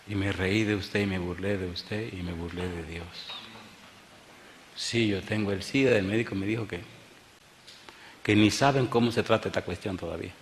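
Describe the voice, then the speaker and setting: A preacher voicing a weeping young man's hushed confession. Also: a little hiss or hum, natural voice. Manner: hushed, low and subdued. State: crying. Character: feverish young man, ashamed, weeping and confessing.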